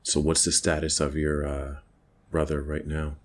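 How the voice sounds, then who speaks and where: A man with an extremely deep voice asks short, calm follow-up questions as a co-host on a talk show. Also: normal speed. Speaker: podcast co-host. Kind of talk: interviewer questions.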